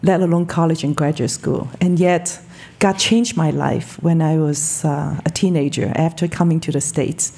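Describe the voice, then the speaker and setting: Into a boom-arm studio mic, a telecom marketing director from Hong Kong, a woman in her fifties, speaks as a podcast interview guest. Her low, warm voice is creaky and husky, with fairly even intonation and normal speed, and she sounds earnest and eager.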